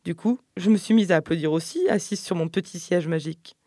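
A woman narrating a children's story in a playful, expressive, first-person childlike tone. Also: lowish voice, fairly quick, no room sound, studio quality.

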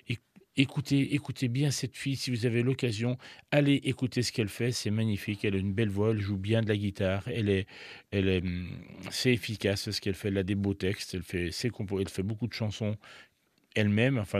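A man's voice: on the low side, dry recording, studio quality. A man hosting a local radio jazz show, talking casually with many hesitations and restarts.

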